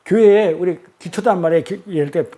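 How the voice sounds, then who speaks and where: A preacher man with a high voice gives a Sunday sermon. He repeats his points with emphasis and questions the congregation directly. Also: fast, mellow. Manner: emphatic and repetitive, talks straight to the congregation.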